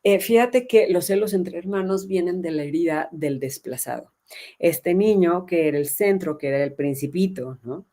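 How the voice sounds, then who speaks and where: A woman's voice: lowish voice, normal speed. Earnest woman coaching parents. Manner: earnest and emphatic, voices the inner child in soft asides. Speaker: parenting coach hosting a live session. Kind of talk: live-streamed parenting talk answering viewer comments.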